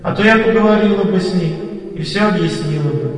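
A man voicing the gentle, forgiving ghost of a murdered wife in a soft, calm voice. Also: sits high, a little fast, heavy reverb, in a large hall, distant mic, voice pushed up, close to an everyday voice, poor audio.

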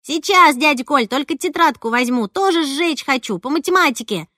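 A dawdling, boastful young boy in an audiobook, squealing eagerly, voiced by a woman reader. His voice jumps very high and sounds dry and close to the mic. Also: animated, moderate pace, pushed and bright, dry recording.

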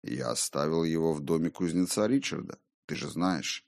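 A man voicing a ghostly male double, a conscience that speaks low, hushed, calm and taunting, in an audiobook. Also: normal speed, vocal fry, heavily acted. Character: eerie whispering male double, his conscience. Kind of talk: audiobook character voice.

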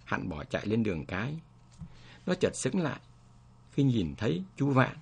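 Husky male storyteller, lively intonation. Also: medium pitch, normal speed. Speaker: narrator. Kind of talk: storybook narration.

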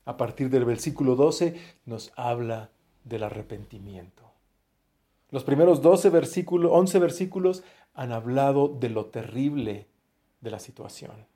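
Male pastor, mellow tone, talky sermon delivery that trails off softly at phrase ends. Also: mid-range voice, a little slow. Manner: conversational, restarts phrases, voice often drops to a quiet close.

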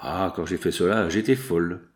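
A man's voice: low voice, moderate pace, natural voice. A man reading aloud, voicing a young dressmaker's fitter who is anxious and scheming, in a lifted voice. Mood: panicked.

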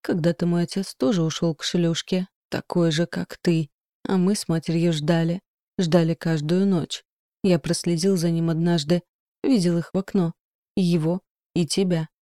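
A woman voicing an obsessed male stalker with a muffled, hoarse voice, in a storybook reading. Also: fairly low pitch, steady tone, moderate pace, dark tone, no echo, studio quality, close to an everyday voice. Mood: menacing.

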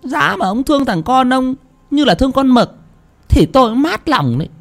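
A man's voice: extremely high pitch, big pitch swings, normal speed, gravelly, faint music behind, pitched above the performer's own voice, full character voice. A man voicing a scornful middle-aged village wife who nags her husband. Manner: scolding, mocking.

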